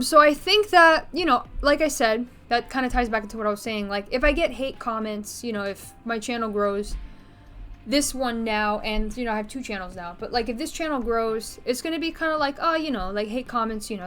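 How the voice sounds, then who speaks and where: A woman's voice: on the high side, normal speed, bright, forceful tone, faint music behind. Rambling, candid woman vlogger. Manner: rambling, frequent filler words and restarts, candid and blunt with swearing. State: out of breath. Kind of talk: casual rambling vlog. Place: bedroom.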